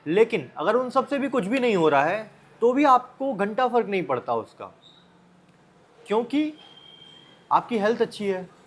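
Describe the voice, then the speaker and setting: With a notably high, husky voice that swings widely in pitch, an Indian man vlogs informal motivational advice to the viewer at normal speed with long pauses. He addresses the listener bluntly, repeating phrases and asking rhetorical questions.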